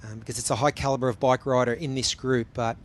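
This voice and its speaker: A man in a mid-pitched voice calls a live race, breaking down the tactics in a relaxed, chatty way. Frequent ums fill the gaps between his points, and faint noise sits behind him. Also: fast talker. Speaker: race commentator. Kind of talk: live sports commentary.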